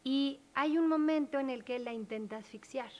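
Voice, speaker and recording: A woman with a fairly high-pitched voice speaks on an academic panel. She explains her points earnestly and stresses them with emphasis. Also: moderate pace, highs cut off.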